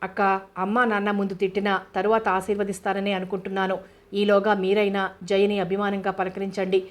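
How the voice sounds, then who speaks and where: A woman's voice: medium pitch, little pitch movement, brisk, natural voice. A woman voicing a remorseful young man who apologizes and pleads with his elder sister, read in an audiobook. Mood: pleading. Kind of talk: audiobook character reading.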